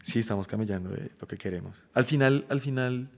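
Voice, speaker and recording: A man's voice: mid-range voice, fairly quick, creaky. A man from Colombia, a guest comedian, chatting casually and joking in slangy talk on a podcast. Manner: laid-back, joking, slangy.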